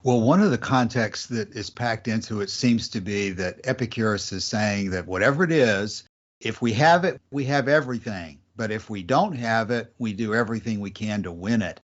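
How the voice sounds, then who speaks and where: A man's voice: on the low side, normal speed, lo-fi sound. A man hosting a podcast who guides the conversation, reading passages and posing questions in a casual discussion. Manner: guiding, asks questions. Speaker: podcast host.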